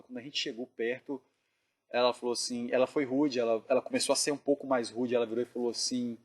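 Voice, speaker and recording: A man earnestly retelling a dream in casual storytelling, often dropping his voice to a hush. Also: medium pitch. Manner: earnest, drops to hushed tones when reliving tense moments. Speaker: dream narrator.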